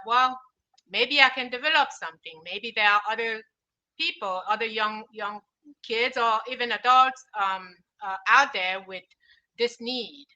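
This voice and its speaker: A woman from Cameroon presenting her app on a video call, earnest and halting, with many fillers. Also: mid-range voice, bright, forceful tone, low-quality recording. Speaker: inventor pitching an app. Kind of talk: online pitch presentation.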